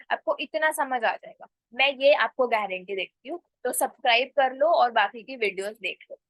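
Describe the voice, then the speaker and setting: A woman with an Indian accent gives an everyday English lesson, explaining in Hindi. She says each English sentence slowly and clearly. Her voice sits fairly high and the recording is close and dry. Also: a bit bright, no room sound. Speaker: English teacher.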